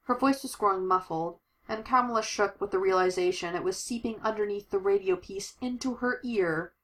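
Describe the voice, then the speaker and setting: A woman reading a superhero story aloud, giving the characters lively voices. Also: medium pitch, normal speed, rough recording. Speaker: audiobook narrator.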